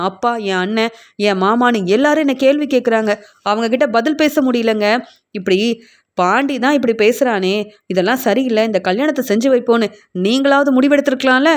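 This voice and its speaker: A woman's voice: a little high, fairly quick, natural voice. A woman voicing an angry young woman who argues to claim her place in the family, speaking in an accusing tone. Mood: indignant. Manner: accusing, argumentative.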